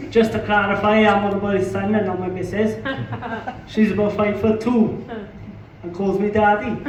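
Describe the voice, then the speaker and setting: With a high-pitched, slightly mellow voice, a Welsh man works through a punchy comedy set in a pub, swearing and mocking himself. The recording has a little hiss or hum and comes from a muffled, faraway mic in an echoey space.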